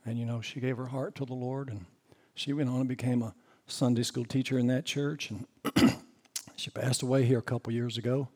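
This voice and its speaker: A man's voice: medium pitch, level tone, a little fast, a little mellow. A middle-aged man preaching a sermon, telling a story earnestly with hesitant fillers.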